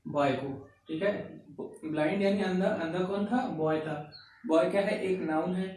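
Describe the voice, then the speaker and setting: Male grammar teacher, high voice, slow word-by-word dictation, heavy room echo. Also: a little mellow, distant mic. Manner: slow and repetitive, says "ठीक है" constantly and dictates example sentences word by word. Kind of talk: classroom-style grammar lesson. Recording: very echoey room, voice from off-mic, faint noise.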